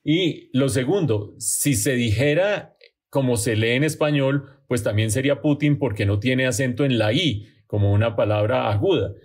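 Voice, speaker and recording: Guy cohosting a chat podcast, kinda husky voice, ribbing his cohosts. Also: medium pitch, normal speed. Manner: teasing, playful, laughs while talking. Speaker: podcast co-host. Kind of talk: casual panel chat.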